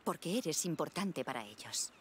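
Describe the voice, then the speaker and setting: A woman playing a calm, caring mother in a medieval video game, composed and reassuring, with an accent from Spain. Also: sits low, moderate pace, a little hiss or hum.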